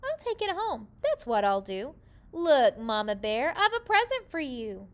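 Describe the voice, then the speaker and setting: A woman's voice: high voice, wildly swooping pitch, measured pace, full character voice. A woman voicing a cheerful, eager bear in a children's storybook, folksy and exclamatory.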